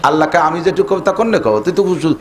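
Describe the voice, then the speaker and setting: A man from Bangladesh with a Gopalganj-area Bengali accent, preaching an animated waz sermon that swings between loud emphatic points and low asides. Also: quick pace, roomy sound. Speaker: Islamic preacher and hadith teacher.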